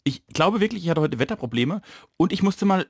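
A man's voice: fairly high pitch, lively intonation, brisk, gravelly, husky, dry recording, studio quality. A man co-hosting a podcast in casual comedic chat, rambling and playful, often trailing off mid-sentence. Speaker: podcast co-host.

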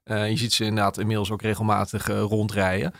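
A man with a gravelly, creaky voice talks in a relaxed podcast interview, recorded dry and close. He thinks out loud, restarting sentences and filling pauses as he explains his article. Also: on the low side, no room sound. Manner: hesitant, many restarts and fillers. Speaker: journalist discussing his article.

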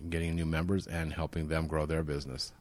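A man with a very low voice explains things in a steady, patient way. He is recorded in a large banquet room, and a big hall echo hangs on every word. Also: fairly quick. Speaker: networking group organizer. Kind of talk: interview guest explaining at length. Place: golf course banquet room with reverb.

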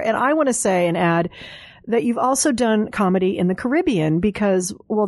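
A woman's voice: medium pitch, darkish tone, no room sound. Woman hosting, very dry close sound. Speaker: host, interviewer. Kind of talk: casual chat interview. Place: studio.

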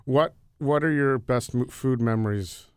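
A man hosting a food interview, his voice smooth and resonant, recorded dry and close. He from Connecticut, asks long winding questions that circle back on themselves. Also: medium pitch, unhurried, no room sound. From Connecticut, United States. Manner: rambling questions, restarts. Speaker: podcast host, interviewer. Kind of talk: casual interview conversation.

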